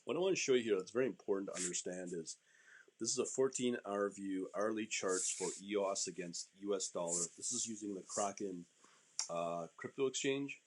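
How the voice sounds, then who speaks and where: A man with a low-volume voice hosting a live stream, giving casual market commentary in an informal, rambling way. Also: normal speed. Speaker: host of a live trading stream.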